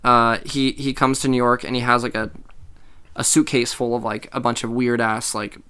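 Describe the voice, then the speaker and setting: A man's voice: medium pitch, level tone, normal speed, sharp tone, clear, resonant tone. A young man hosting a casual podcast chat, rambling with lots of fillers. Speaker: podcast host.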